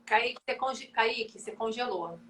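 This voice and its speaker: Woman hosting a live stream on a call, higher-pitched voice, jumps in with quick friendly remarks. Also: a bit bright. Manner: quick, friendly interjections to the guest. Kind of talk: casual chat on a live video stream. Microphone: video call.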